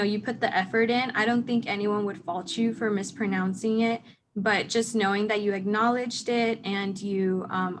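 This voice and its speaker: A woman's voice: medium pitch, slight background noise. A woman moderating a panel discussion, speaking casually and sincerely.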